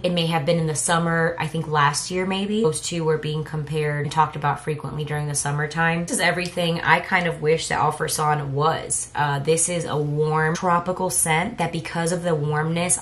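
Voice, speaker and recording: A woman chatting casually through a fragrance haul review, rambling and correcting herself as she goes. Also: low-pitched. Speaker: fragrance vlogger. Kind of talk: casual product review chat.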